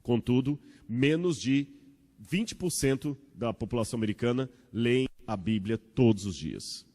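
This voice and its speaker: A man from Brazil, preaching a sermon in a church with rhetorical questions and an animated storytelling manner. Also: mid-range voice, measured pace. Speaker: pastor. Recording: long church hall reverb.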